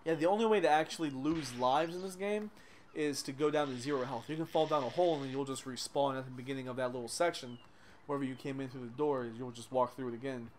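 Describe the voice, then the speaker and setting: A man's voice: mid-range voice, quick pace, a little hiss or hum. A man hosting a let's play, swearing constantly and ranting sarcastically, rambling with restarts and asides as he plays. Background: game music.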